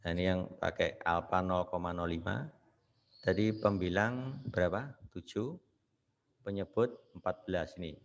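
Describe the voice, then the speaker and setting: Deep-voiced man lecturing, dull lo-fi sound. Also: normal speed, long pauses. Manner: explains step by step with frequent rhetorical questions and "ya" tags. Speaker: statistics lecturer. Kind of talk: recorded university lecture.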